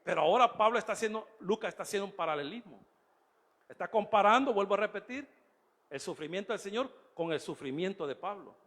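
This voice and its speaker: A man's voice: sits high, animated, fast, a bit bright, long reverb tail. A man preaching a sermon, emphatic, constantly calling his listeners "brother". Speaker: pastor. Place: church.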